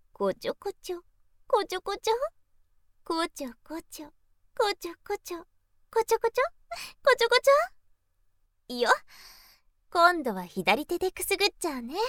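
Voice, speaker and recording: A woman's voice: high-pitched, a bit bright, no room sound, studio quality. Woman as a teasing big sister. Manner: teasing, coaxing, sing-song. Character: teasing playful older sister, young woman. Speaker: voice actress in audio role-play. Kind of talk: intimate audio role-play.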